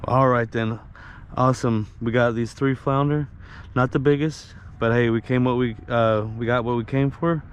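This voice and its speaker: A man's voice: medium pitch, fairly even intonation, normal speed, hardly any pauses, smooth. A man casually narrating an outdoor vlog in a folksy, easygoing manner. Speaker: host of an outdoor fishing and cooking vlog. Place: outdoors, by water and at home. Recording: outdoor noise, water sounds.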